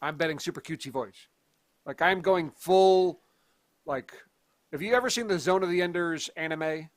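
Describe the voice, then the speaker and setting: A man with a somewhat high voice chats on a podcast, emphatic and playful. The recording is dry and close, with no room sound. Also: dry recording. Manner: emphatic, joking, quick to laugh. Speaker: podcast co-host. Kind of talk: casual chat.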